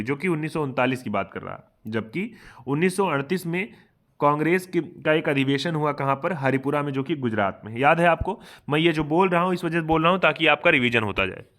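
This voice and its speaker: A man giving a fast online exam revision lecture, asking questions aloud and answering them himself, often checking in with his students. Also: fairly high pitch, fairly bright tone. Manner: quizzes himself aloud, keeps asking "ठीक बात है ना". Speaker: exam coaching teacher.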